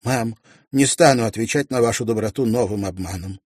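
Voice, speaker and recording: A man's voice: fairly low pitch, fairly quick, darkish tone, slightly rough, no room sound, clean studio sound, pitched above the performer's own voice. A man voicing a timid young woman maid who pleads through tears, in an audiobook. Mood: ashamed tearful. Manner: pleading, sobbing. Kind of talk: audiobook character voice.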